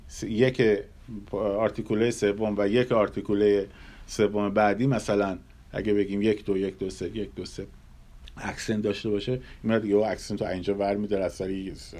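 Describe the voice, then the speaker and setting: A man giving a measured lecture on Persian classical music, pausing often and sometimes humming melodies to illustrate. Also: fairly low pitch, darkish tone. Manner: hums and scats melodies to illustrate; measured, thoughtful delivery with pauses.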